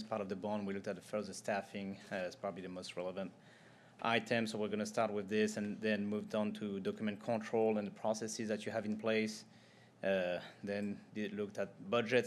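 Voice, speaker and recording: A man giving a formal consultant presentation at a public meeting, explaining findings in a measured way with some fillers. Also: on the low side, slight background noise.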